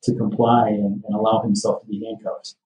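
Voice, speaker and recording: Relaxed man, far off in a roomy space. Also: on the low side, a little fast. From Michigan. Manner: easygoing, matter-of-fact, with frequent "you know". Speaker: sheriff's office captain, guest. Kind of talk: casual podcast interview. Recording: roomy, distant from the mic.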